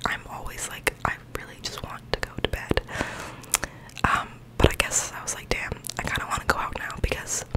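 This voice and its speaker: A young woman tells everyday stories in an intimate, breath-only whisper. She rambles informally, right up close to the microphone, in a casual ASMR style. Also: poor audio. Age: young adult. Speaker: ASMR creator. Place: small bedroom, indoors. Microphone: large microphone with foam cover, very close.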